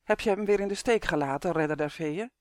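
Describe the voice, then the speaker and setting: A reader voicing an agitated, proud male elf who is quick to anger, in an audiobook. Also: a little mellow, no echo, clean studio sound, close to an everyday voice. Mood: suspicious. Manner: shrill, indignant outbursts. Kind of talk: audiobook character voice.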